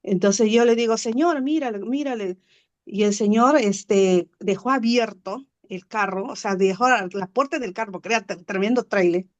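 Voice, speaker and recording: A woman guest telling a story in casual conversation, chatty and animated, leaning on fillers and tag questions and acting out sounds. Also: mid-range voice, moderate pace, few pauses, lo-fi sound.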